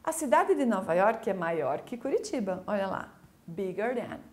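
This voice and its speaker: A woman English teacher with a Brazilian Portuguese accent, giving a recorded school video lesson in a lively, coaxing way. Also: medium pitch. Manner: lively, coaxing, slow deliberate explanations.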